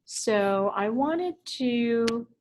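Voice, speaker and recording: A woman's voice: on the high side, expressive, extremely slow, a little hiss or hum, poor audio. Chatty woman teacher from Puerto Rico. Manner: chatty, warm-hearted rambling with fillers. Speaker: Spanish teacher. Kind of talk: recorded introduction to parents. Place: classroom.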